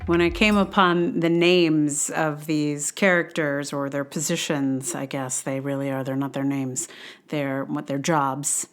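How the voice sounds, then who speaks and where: A woman from theater giving wry, amused commentary in a casual vlog, with an expressive delivery. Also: low-pitched, measured pace, soft background music.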